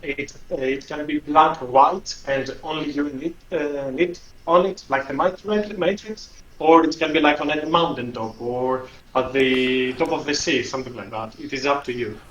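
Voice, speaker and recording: A male game master improvises narration for a tabletop fantasy game, pausing to search for words. The recording is roomy and slightly muffled. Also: fairly high pitch, fairly bright tone. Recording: roomy, slightly dull microphone sound.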